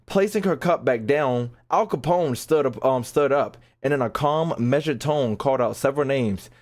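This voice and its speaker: A man livestreams a video game, chatting casually and reading game text aloud, often stumbling over the words. His medium-pitched voice has a darkish tone and normal speed, and his talk is slangy and profane, with phrases repeated for emphasis.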